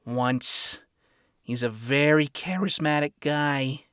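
A man's voice: fairly high pitch, slow pace, a bit bright, clean tone, dry recording, studio quality. A man voicing a world-weary, flamboyant male spider demon who swears and talks in slang, in a fan fiction reading. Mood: bitter.

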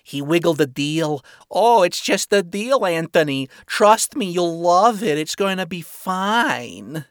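A man's voice: high-pitched, lively intonation, takes it slowly, hardly any pauses, fairly bright tone, no room sound, clean studio sound, voice pushed up, heavily acted. A man voicing a world-weary, flamboyant male spider demon who swears and talks in slang, in a fan fiction reading. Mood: bitter.

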